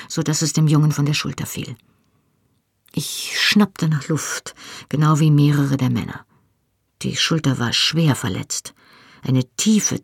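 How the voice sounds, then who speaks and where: Husky, dry audiobook narrator. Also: mid-range voice, dry recording. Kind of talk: first-person audiobook narration.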